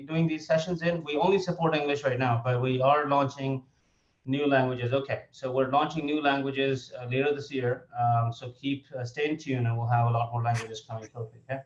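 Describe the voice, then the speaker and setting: A man hosting a live session, introducing it in a casual, informal and somewhat hesitant way. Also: medium pitch. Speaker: host and company founder. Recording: echoey room, dull lo-fi sound.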